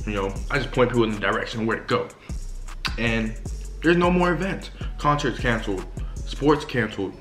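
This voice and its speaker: In this casual mukbang chat, a man in his twenties talks to viewers in slang while chewing food, rambling as he goes. His medium-pitched voice is a bit bright at a moderate pace, recorded by a camera a short distance away in a reverberant large living room with faint music.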